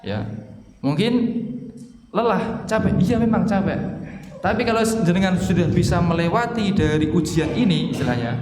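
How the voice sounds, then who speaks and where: A man teaching Arabic to a congregation, explaining slowly, asking and answering his own questions, and chanting phrases for the class to repeat. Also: high-pitched, expressive. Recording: echoey hall, faint ambient noise.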